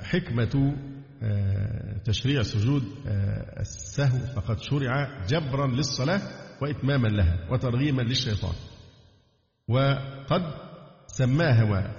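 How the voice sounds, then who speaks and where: A man with an Egyptian accent teaching Islamic jurisprudence, reading from a text and adding colloquial explanations with pauses and fillers. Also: mid-range voice, a little mellow. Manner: reads a text aloud, then breaks off into colloquial asides with hesitations. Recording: echoey hall, dull lo-fi sound.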